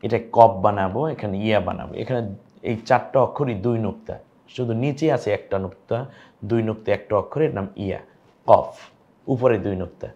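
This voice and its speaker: A man's voice: fairly low pitch, normal speed, darkish tone, lo-fi sound. A man teaching in a recorded online lesson, patiently asking questions and then answering them himself. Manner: patient, asks and answers his own questions. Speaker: Quran teacher.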